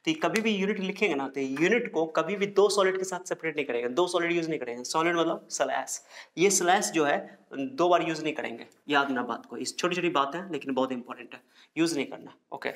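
A man's voice: fairly high pitch, brisk, a bit bright. A man teaching a science lesson, repeating each point and asking the class questions that he answers himself.

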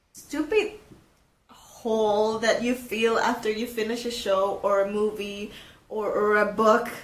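Female reaction host, twenties: unhurried, emotional, exclamatory, high voice in an echoey small room. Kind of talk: casual emotional reaction commentary. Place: small bedroom, indoors.

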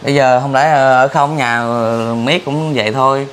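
A man's voice: mid-range voice, fairly even intonation, normal speed, a little hiss or hum. A man hosting a charity vlog, chatting and joking with a family as he coaxes a boy to come to the city. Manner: coaxing, jokey, talks to the family. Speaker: vlogger, charity host. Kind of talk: casual chat.

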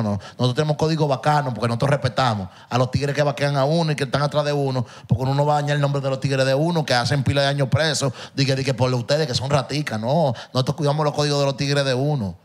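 A man, a comedian guest on a podcast, telling a story in emphatic, repetitive bursts in casual chat. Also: medium pitch.

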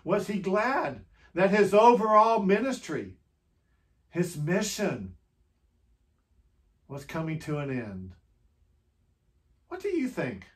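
A pastor leads a quiet Holy Week meditation at a strikingly slow pace, letting each short phrase hang before the next. The pitch rises and falls in lively swings as questions are put to the listener. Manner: gentle, unhurried, with many rhetorical questions to the listener; speaks in short phrases with long pauses.

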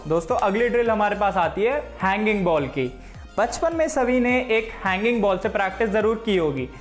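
Talking to a camera set across a room in his home, this young Haryanvi cricket coach from India walks viewers through a drill in a warm, instructive way, greeting them as friends. His high voice has lively intonation and a fairly quick pace, over soft background music.

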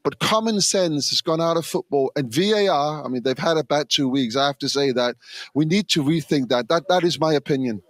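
A man's voice: on the high side, brisk, fairly bright tone, no room sound. A man giving frustrated, emphatic opinions as a football pundit. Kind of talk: remote studio punditry.

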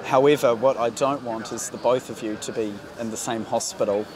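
A man's voice: mid-range voice, steady tone, fairly quick, a crowd in the background, poor audio. A man with a New Zealand accent, a paramedic explaining things to patients in a casual, reassuring way. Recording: clear outdoor street and vehicle noise. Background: street and vehicle noise.

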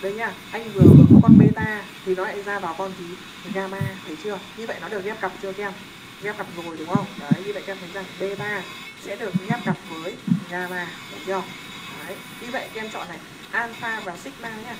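Fast-talking young male math tutor. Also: high-pitched, fairly even intonation. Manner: casual, joking, keeps checking students follow. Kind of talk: live math lesson. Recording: loud background noise.

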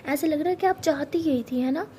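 A woman's voice: sits high, a little fast, mellow, a little hiss or hum, lightly acted. A woman voicing a feisty young female college student who complains and bickers in a pouty tone.

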